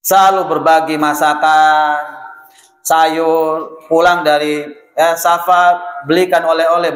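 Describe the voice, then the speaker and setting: A man preaching a lively, chatty sermon in a mosque, often addressing listeners directly. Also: a little high. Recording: echoey mosque hall.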